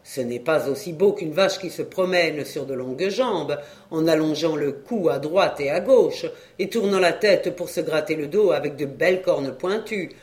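A reader giving a literary story in expressive, varied audiobook narration. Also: mid-range voice, normal speed.

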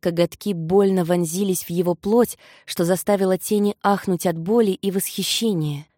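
A woman reading a fantasy novel aloud as an audiobook narrator, in measured, even storytelling. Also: fairly low pitch, no echo, studio quality. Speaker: audiobook reader. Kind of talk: scripted narration.

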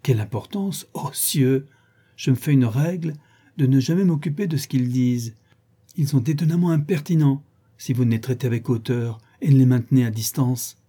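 A man reading an audiobook and voicing an effusive, gossipy young woman who flatters her friend. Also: mid-range voice, normal speed, husky, natural voice. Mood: gushing.

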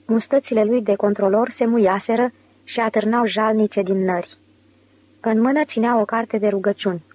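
A woman narrating an audiobook in a measured, clear reading voice. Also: a little high, fairly even intonation, darkish tone. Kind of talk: scripted narration.

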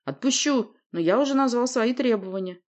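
A woman's voice: fairly high pitch, lively intonation, a little fast, a little mellow, highs cut off, pitched above the performer's own voice, natural voice. A woman voicing a spiteful, scheming male dwarf prince who talks snidely. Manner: snide, sneering.

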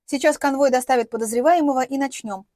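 A woman voicing a composed female police captain who speaks in a calm, official way, in an audiobook. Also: high-pitched, fast talker, no room sound, studio quality.

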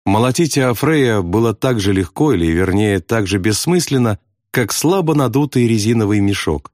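A man narrating a novel as an audiobook, with steady, dramatic storytelling. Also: fairly low pitch, moderate pace, no echo, studio quality.

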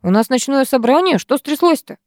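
A woman's voice: high-pitched, animated, brisk, darkish tone, no room sound, clean studio sound, voice pushed up. A woman voicing a bewildered teenage schoolboy who defends himself, puzzled and defensive.

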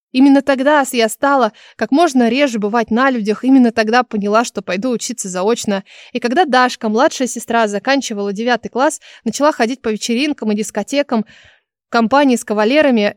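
A woman narrating a first-person audiobook in a slightly high voice. Her reading has a wry, self-mocking edge. The recording is close and dry, with no room echo. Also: a little mellow.

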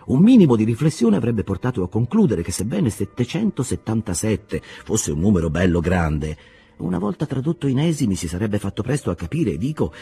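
A man narrating a classic novel as a scripted audiobook reading, telling it in an expressive, storytelling manner. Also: fairly low pitch.

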